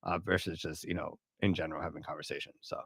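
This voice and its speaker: A Puerto Rican partnerships director, whose first language is Spanish and who speaks English as a later language, fields questions on a casual livestream Q&A. His bass voice is creaky, a bit bright and breathy-edged, with a flat delivery at a quick pace, and his loose, chatty answers are full of fillers and restarts. The sound is studio quality with no room sound.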